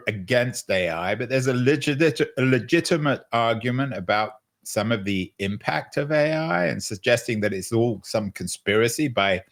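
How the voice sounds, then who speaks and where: A man in casual debate, his voice pitched in the middle for a man. He keeps cutting in with skeptical, sarcastic pushback. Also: fairly bright tone. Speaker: podcast host.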